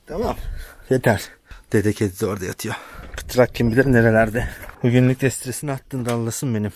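A man's voice: medium pitch, fairly quick, darkish tone, a little hiss or hum. A man from Turkey vlogging outdoors on his village farm, chatting casually to viewers and talking fondly to his animals. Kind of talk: casual vlog narration.

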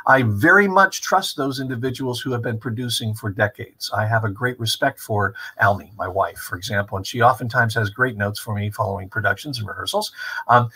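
Middle aged guy rambling like a professor, husky but bright voice, thinking out loud on a webcam talk. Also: mid-range voice, low-quality recording. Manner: rambling, reflective, digressive professorial delivery. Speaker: theater director giving a talk. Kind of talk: informal online lecture, musing aloud. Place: small room with brick wall and window, indoors.

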